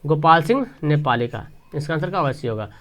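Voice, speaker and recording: A man's voice: expressive, a little fast, faint music behind. A man, teaching by reading out exam questions and options, repeating each point and dropping his voice on the answer. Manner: reads options then explains, repetitive, drops pitch on answers.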